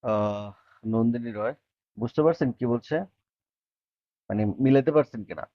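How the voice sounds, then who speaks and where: Guy teaching french basics, slow and patient, dull dry sound. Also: medium pitch, dry recording. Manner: explains patiently, repeats phrases and checks understanding. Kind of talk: language lesson explaining in Bengali.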